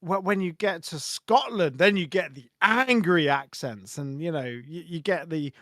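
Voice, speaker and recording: Guy bantering on a football pod, a bit high voiced, dead dry mic. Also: lively intonation, fairly bright tone, no room sound. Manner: jokey, quick banter. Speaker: podcast co-host. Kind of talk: casual fan chat.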